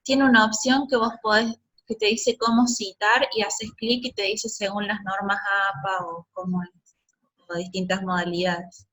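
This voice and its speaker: A woman's voice: medium pitch, level tone, normal speed, a bit bright, rough recording. A woman student with an Argentine Spanish accent, chiming in politely and hesitantly with many fillers.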